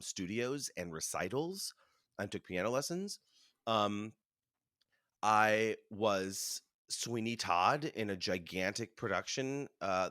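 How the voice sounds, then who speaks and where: Guy in his 30s on a podcast, low voice, chewing while he chats, dry close sound. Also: dry recording. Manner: animated storytelling, acts out voices, chuckles. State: chewing food while talking. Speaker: interview guest, Broadway performer. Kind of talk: casual conversational interview.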